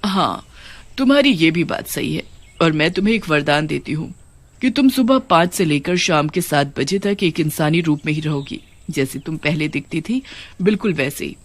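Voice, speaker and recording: A woman's voice: sits low, lively intonation, moderate pace. A woman voicing a regal, kindly witch queen in a cartoon, speaking in a grand, commanding way.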